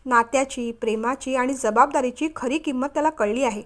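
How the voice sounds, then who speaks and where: A woman narrating a family story aloud in a steady, emotive reading. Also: high voice, a little fast.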